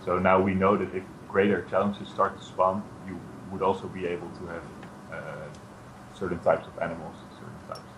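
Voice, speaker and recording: A man, a game developer being interviewed, who speaks hesitantly with many pauses. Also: sits low, completely flat delivery, background noise. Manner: hesitant, many uh fillers, cautious. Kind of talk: casual interview chat.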